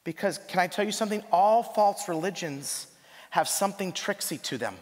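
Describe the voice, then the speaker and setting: A man from Idaho preaching a storytelling sermon as a missionary, talking in an animated, conversational way and firing off rhetorical questions. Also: high voice, moderate pace. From Idaho, USA. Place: church sanctuary. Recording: long church reverb.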